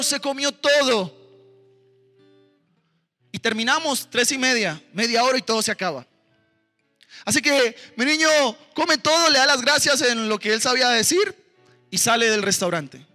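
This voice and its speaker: A man, a missionary preacher, telling a testimony in a sermon in an animated way and calling on the congregation to respond. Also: extremely high pitch, normal speed, pauses often. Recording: roomy hall with music behind.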